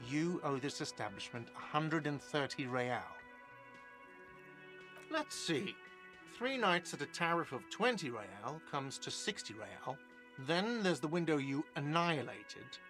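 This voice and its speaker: An actor voicing an irritable, sarcastic hostel manager in a detective video game who scolds a guest about an unpaid bill. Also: male voice, fairly high pitch, lively intonation, slow pace, sharp tone, soft background music, heavily acted.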